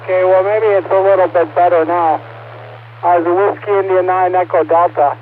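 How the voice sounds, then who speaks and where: A man checking in on an amateur radio net, heard over an intermittent transmission that keeps breaking up, talking in a relaxed, halting way with many fillers. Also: high voice. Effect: intermittent radio signal breaking up. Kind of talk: casual ham radio check-in. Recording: tinny, noisy ham radio transmission.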